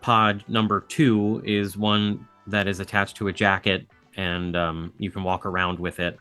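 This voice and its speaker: A man's voice: sits low, little pitch movement, measured pace, pushed and bright, clear, resonant tone, faint music behind. A man speaking as a podcast guest, explaining things in an easygoing, casual way. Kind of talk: casual chat.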